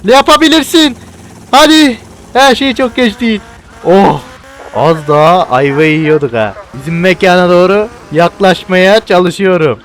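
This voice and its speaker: A young man casually commentating a video game, excitable and bantering, often shouting at what happens on screen. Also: high voice, measured pace, soft background music. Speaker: gameplay video host.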